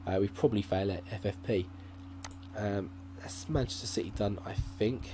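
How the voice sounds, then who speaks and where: Speaking at a normal pace in a lowish voice, a man runs a gaming channel and rambles through casual let's-play talk. He thinks aloud, often restarting and leaning on fillers. The recording comes from a desk mic at a laptop, with faint laptop hum underneath.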